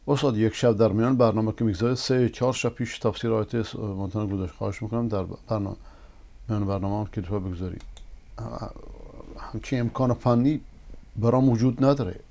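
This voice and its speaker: A man hosting a religious TV program, reading viewers' messages and preaching emphatically. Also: on the low side. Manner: emphatic, rising to forceful denunciation. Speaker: preacher and TV host. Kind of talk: religious TV talk answering viewers.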